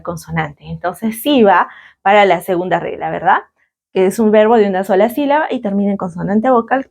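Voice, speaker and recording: A woman teaching English grammar at an unhurried pace, with a Latin American Spanish accent. Her voice sits in a middle pitch, and she pauses often to ask her students whether they are following. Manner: patient, slow, with frequent checking questions. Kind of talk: recorded classroom lesson.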